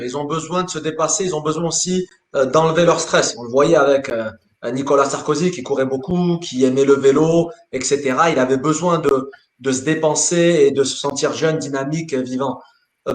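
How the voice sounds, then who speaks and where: A man, a sports coach, answering interview questions in a lively way, often repeating words as he thinks. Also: on the high side. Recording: roomy echo.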